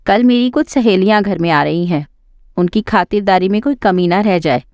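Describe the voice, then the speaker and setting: A woman's voice: mid-range voice, moderate pace, darkish tone, dry recording, lightly acted. A woman voicing a quarrelsome, scornful older mother-in-law who taunts and scolds. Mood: scolding.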